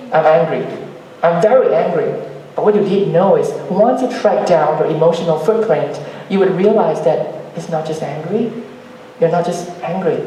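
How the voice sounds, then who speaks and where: A man's voice: sits high, mellow, a little hiss or hum. A man giving an earnest motivational talk on stage, asking the audience rhetorical questions. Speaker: speaker at a youth ideas meetup. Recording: echoey hall, voice from far off.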